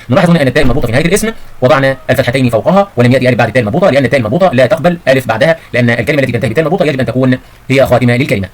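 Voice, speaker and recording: Male teacher, rapid delivery, talks pupils through grammar step by step. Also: mid-range voice. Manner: addresses pupils as "my sons and daughters", explains step by step. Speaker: Arabic teacher. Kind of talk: recorded grammar lesson for children.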